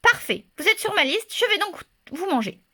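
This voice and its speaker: A woman voicing a sentimental, hungry young male wolf in a children's storybook reading, grumbling and gruff yet softhearted. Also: extremely high pitch, sing-song, normal speed, pitched above the performer's own voice, full character voice.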